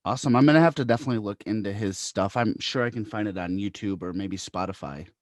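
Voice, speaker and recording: A man's voice: lowish voice, fast, dry recording, studio quality. A man hosting a podcast interview, asking questions in a friendly, easygoing way. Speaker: podcast host.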